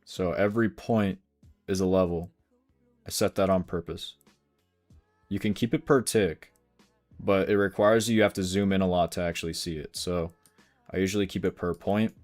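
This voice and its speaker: A man's voice: low voice, steady tone, moderate pace, long pauses, darkish tone, soft background music. A man streaming live day trading, casually explaining charts and answering questions from chat.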